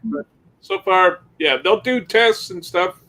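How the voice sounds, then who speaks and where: High-voiced man, laid-back homeschool dad. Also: animated, slow pace, noisy background. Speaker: homeschooling parent guest. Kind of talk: casual chat on a live stream.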